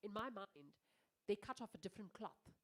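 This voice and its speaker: A woman moderating a panel discussion with a stuffy, nasal voice from congestion. She asks her questions in a lively, probing way. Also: mid-range voice, moderate pace.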